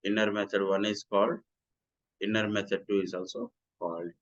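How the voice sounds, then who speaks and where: A man's voice: fairly low pitch, fairly quick, highs cut off. A man giving a recorded programming lecture, explaining step by step and often repeating himself. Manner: repetitive, steady explaining, often restates lines. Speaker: programming instructor.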